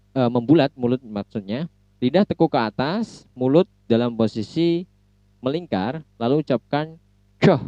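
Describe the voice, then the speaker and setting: A man's voice: mid-range voice, warm tone, no room sound. Male phonology teacher, dry close sound, patient repeater of sounds. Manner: repeats sounds slowly, demonstrating mouth positions. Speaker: English phonology lecturer. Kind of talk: classroom explanation. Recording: muffled lo-fi recording.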